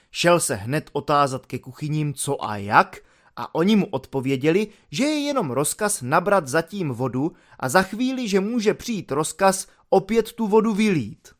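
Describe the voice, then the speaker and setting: A man narrating a novel as an audiobook in a lively, expressive storytelling manner. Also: on the high side.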